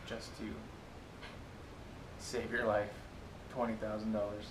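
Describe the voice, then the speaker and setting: A man's voice: level tone, takes it slowly. A man in his twenties giving short, laid-back answers during a casual Q&A chat. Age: 20s. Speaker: co-host of a pet vlog. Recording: echoey room with noisy rumble.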